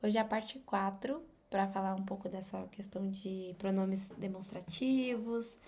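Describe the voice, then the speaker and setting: A young woman with a Brazilian Portuguese accent, a native Portuguese speaker, giving a casual English lesson and pausing often to correct herself. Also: medium pitch, a little mellow. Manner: hesitant, many fillers and restarts. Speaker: English teacher.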